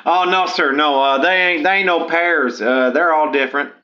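Guy doing a rambling country-ish caller over the phone, kinda high and bright, muffled line. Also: moderate pace. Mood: folksy. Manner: rambling, hesitant, folksy grammar. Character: simple folksy man selling odd socks. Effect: heard over the phone.

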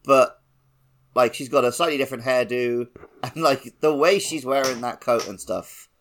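A man co-hosts a podcast, talking casually and conversationally about a video game. His voice is medium-pitched with a fairly bright tone, at a moderate pace.

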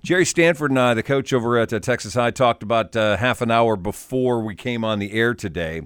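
A man's voice: mid-range voice, fairly quick, a bit bright, smooth, no echo, clean studio sound. A man hosting live sports talk radio, chatting informally.

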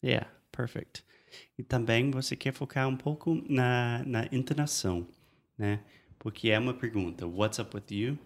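Co-hosting an English lesson, this English teacher, a native speaker, models phrases with patience and keeps repeating "perfect." He has a medium-pitched voice and talks a little slowly in this bilingual chat.

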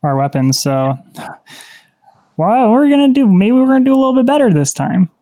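Male tabletop player, soft-edged dark tone, dry recording, playful casual commentary. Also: very high-pitched, very animated, normal speed, no echo. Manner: playful, throws in sound-effect words. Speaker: tabletop roleplaying game player.

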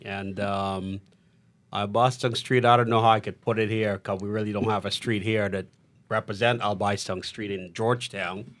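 Man, from Guyana, lowish voice, laid-back storyteller, repeats for emphasis. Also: steady tone, moderate pace, a bit bright. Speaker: boxing coach. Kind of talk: casual interview storytelling. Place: podcast studio.

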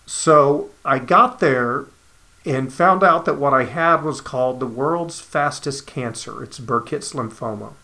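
رجل يروي قصته بلهجة تكساسية. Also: male voice, medium pitch, measured pace, pushed and bright. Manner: earnest storytelling, acts out dialogue. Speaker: cancer survivor telling his story. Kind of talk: personal testimony.

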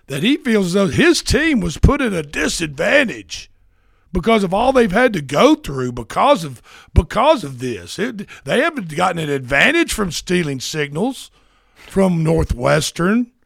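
A man's voice: sits high, gravelly, fairly bright tone, no echo, studio quality. A man hosting a sports radio show, chatting casually and rambling with repeats.

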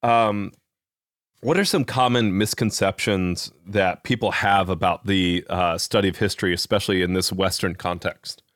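A man's voice: low-pitched, fairly even intonation, normal speed, fairly bright tone, no room sound, clean studio sound. A man with a Midwestern American accent hosting a podcast interview, talking loosely with many fillers and restarts. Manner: rambling with frequent fillers and restarts. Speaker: podcast host. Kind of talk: casual interview.

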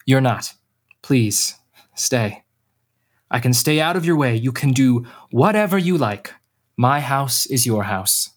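A gentle uncle, voiced by a man in an audio drama. He talks slowly, in a middle-range voice with an even, measured delivery. His manner is calm and reassuring. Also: mid-range voice. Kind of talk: student radio drama acting.

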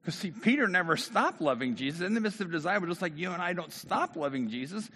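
A man's voice: high-pitched, brisk, breathy edge. A man preaching a conversational sermon, telling the story casually with many restarts and asides, in a church hall. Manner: casual, animated storytelling, self-interrupting. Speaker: pastor. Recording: long hall reverb.

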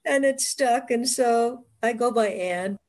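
A Caribbean woman with a West Indian accent, the guest author on a video call, warmly shares childhood stories and laughs often in a casual interview conversation. Her voice is on the high side, and she takes it slowly.

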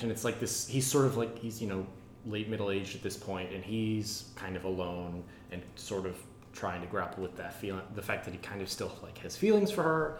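A man co-hosting a casual film discussion podcast, rambling with frequent laughs and halting restarts. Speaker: podcast co-host. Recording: echoey room, faint rumble.

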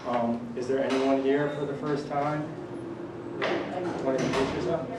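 A man from Connecticut hosting a casual group meeting, relaxed and hesitant with many fillers. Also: medium pitch, normal speed. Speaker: meeting host. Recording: echoey room, mic far off, loud noise.

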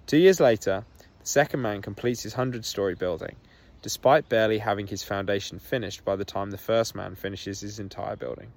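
A man's voice: on the low side, a little fast. A man hosting a solo podcast outdoors, talking openly and emotionally with plenty of "like" fillers. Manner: open and emotional, many "like" fillers. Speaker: podcast host. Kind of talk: candid solo podcast monologue. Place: outdoors on a walk.

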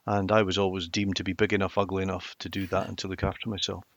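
A mature man with a Highland Scottish accent, telling stories reflectively and emphatically in a conversational interview. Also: flat delivery, quick pace, no room sound, dull audio. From Inverness, Highlands of Scotland. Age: middle-aged or older. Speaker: interview guest, former television journalist.

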